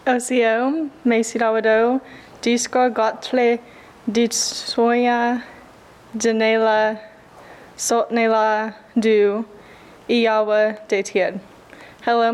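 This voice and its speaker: Monotone nineteen-year-old woman. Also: a little high, clean tone. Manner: measured greeting, then rushed ending. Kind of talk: self-introduction at a podium.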